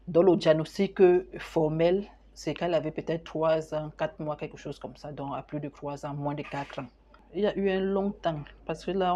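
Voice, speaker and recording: Mother interviewed for a documentary: low, mellow, earnest. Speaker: mother and association president.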